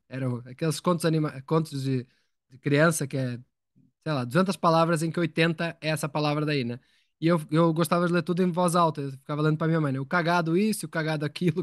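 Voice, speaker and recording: A man's voice: a little high, no room sound, clean studio sound. A man teaching English in a live online lesson, explaining patiently, repeating words and asking his students questions.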